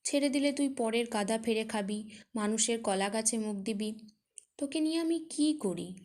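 A woman voicing a poor older farmer who speaks softly and tenderly in sorrow. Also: a little high, moderate pace, lightly acted. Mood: grieving. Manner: soft, tender, grieving.

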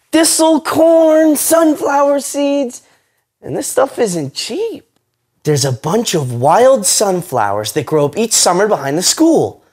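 A chatty young student. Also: male voice, extremely high pitch, a little mellow, heavily acted. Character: young male student Josh, money-minded. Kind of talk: scripted educational acting.

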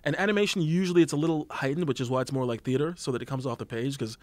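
A quick-talking man of middle pitch explains his craft in a studio interview, breaking into character voices to show what he means. The sound is dry and close, with no room around it. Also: no room sound. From Canada. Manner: fast, animated, demonstrates voices while explaining. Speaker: actor and voice actor guest.

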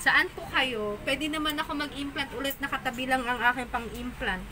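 A woman chatting casually on a live-stream while selling stones and amulets, animated and mocking. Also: high voice, brisk. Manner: animated and mocking, with frequent laughter. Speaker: online seller of stones and amulets. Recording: noisy background.

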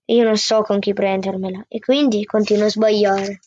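A woman reading a novel aloud in a steady first-person narration. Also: medium pitch, moderate pace, a little hiss or hum. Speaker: book reader. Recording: dull, dry lo-fi sound.

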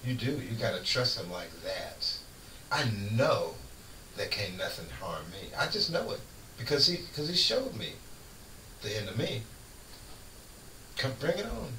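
A man's voice: mid-range voice, very animated, unhurried, long pauses, sharp tone, distant mic. Folksy preaching man, roomy off-mic sound. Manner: preachy, folksy, emphatic, laughs often. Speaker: radio host. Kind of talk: casual faith talk. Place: radio studio. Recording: roomy studio, off-mic, faint hiss.

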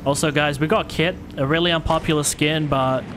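A man's voice: on the high side, steady tone, fairly quick, noisy background. A man streaming a video game, chatting and joking with his teammates, often stumbling over his words and restarting. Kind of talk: casual gaming chat with teammates.

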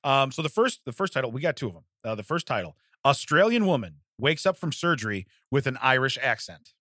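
In a studio, a man co-hosts a comedic podcast, rambling and laughing a lot while reading news stories aloud in a casual, jokey chat. His mid-range voice swings widely in pitch, moving a little fast with a bright, forceful tone. The studio-mic recording is dry.

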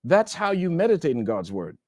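Lively, expressive male preacher. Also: on the high side, fairly quick, no room sound, studio quality. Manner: repeats phrases for emphasis, rising and falling delivery. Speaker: pastor. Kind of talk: sermon.

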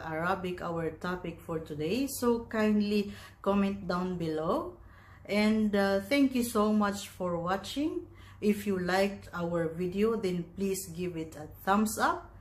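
A woman teaching vocabulary, saying each word slowly and repeating it three times. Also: lowish voice. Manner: slow, deliberate, drilling words three times. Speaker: language teacher. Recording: echoey room.

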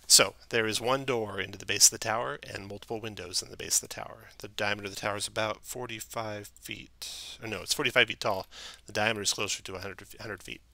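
A man's voice: fairly low pitch, steady tone, fast, vocal fry, few pauses, bright, forceful tone, no room sound. A man narrating a tabletop game as game master, describing scenes and sometimes correcting himself.

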